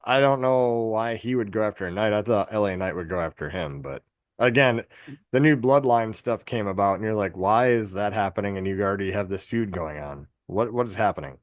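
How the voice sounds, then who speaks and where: A man's voice: lowish voice, expressive, a little fast, no echo, clean studio sound. A man co-hosting a podcast in a casual chat, rambling, swearing and laughing at his own jokes. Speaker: podcast co-host.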